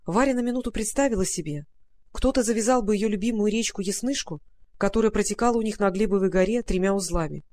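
A woman narrating a children's storybook in a calm, measured reading voice. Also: mid-range voice, a little hiss or hum. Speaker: audiobook narrator.

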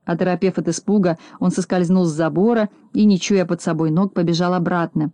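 Brief: woman narrator, storybook reading, mellow low-bright voice, dry close sound. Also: steady tone, fairly quick, no room sound. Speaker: audiobook narrator.

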